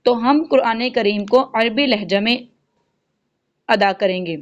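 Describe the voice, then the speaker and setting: A woman with a slightly high voice leads a recitation lesson, explaining each rule patiently. She slowly stretches out the recited words as examples. The recording sounds dull and lo-fi. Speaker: Quran recitation teacher.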